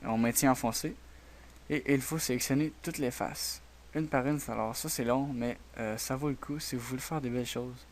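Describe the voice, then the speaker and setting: A man with a Québécois French accent hosting a software tutorial, talking quietly and hesitantly with many fillers. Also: medium pitch, steady tone, moderate pace, slight background noise. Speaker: tutorial host. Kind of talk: screen-recorded software tutorial.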